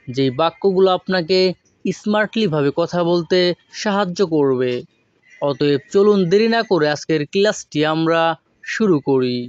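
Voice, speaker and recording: Slow, precise man teaching phrases. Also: high-pitched, darkish tone, clean tone, no room sound, studio quality. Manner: slow, syllable-by-syllable repetition of example phrases. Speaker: language teacher. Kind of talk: scripted language lesson.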